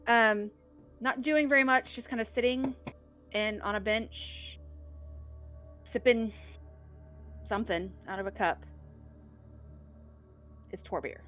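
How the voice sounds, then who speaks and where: A woman's voice: fairly high pitch, takes it slowly, pauses often, a bit bright, faint music behind. A woman narrating a tabletop game as game master, in a loose, rambling way with frequent restarts.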